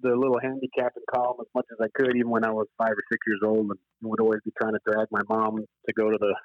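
A low, even-toned man speaks fast on an echoey remote call whose audio is boxy, band-limited, narrow and tinny. He's a horse racing professional appearing as a guest in a relaxed interview conversation. He grew up in Zimbabwe before moving to California at age eight.

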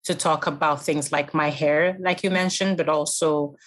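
A woman from Belgium, around her thirties, answering interview questions in a measured, thoughtful way with some hesitations. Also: deep voice, fairly even intonation. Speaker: podcast guest.

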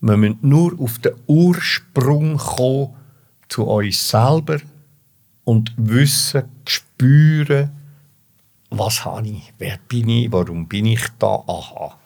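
Slow, expressive and a little mellow, this older man's mid-range voice carries a Swiss German accent. As an interview guest, he narrates his life spontaneously, stressing things by emphatically repeating words.

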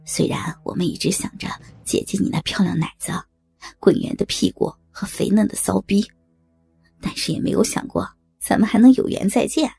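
A woman's voice: mid-range voice, moderate pace, vocal fry, warm tone, husky, dry recording, faint music behind. A woman voicing a cruel, vengeful young male thug who taunts with snickering laughs. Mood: taunting. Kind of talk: audio drama acting.

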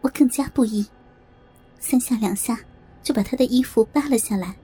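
A woman reading a first-person story aloud in a steady, matter-of-fact way. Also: on the high side, moderate pace, breathy edge, soft background music. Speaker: audiobook narrator.

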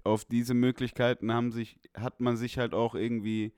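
A man hosting a podcast in a casual call-in style, slangy, cutting in with quick remarks and talking to the listeners. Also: mid-range voice, flat delivery, darkish tone, smooth, no room sound, studio quality. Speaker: podcast host.

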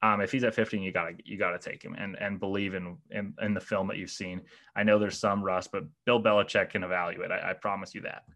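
A man's voice: sits low, flat delivery, fast, a bit bright. A man talking through football draft picks in a casual podcast chat, thoughtful and hesitant, with many fillers and restarts, and bothered by the hiccups. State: has the hiccups. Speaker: guest analyst.

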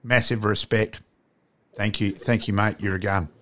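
Low-voiced, matey Australian interviewer. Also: male voice, flat delivery, moderate pace, fairly bright tone, slight background noise. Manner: effusive, matey. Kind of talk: casual sports interview.

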